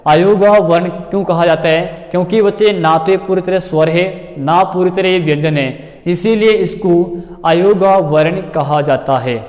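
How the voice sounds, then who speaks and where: A man's voice: high-pitched, moderate pace, a little mellow, big-room sound. A man teaching grammar to exam students, explaining in a repetitive classroom way, calling his students kids and often checking if they understood.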